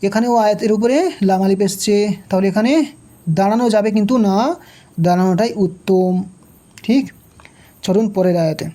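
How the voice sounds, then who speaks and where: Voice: medium pitch, fairly even intonation, a little fast, long pauses, mellow. A Quran reading teacher giving a step-by-step recitation lesson, patiently spelling out letters and vowel marks and repeating each rule.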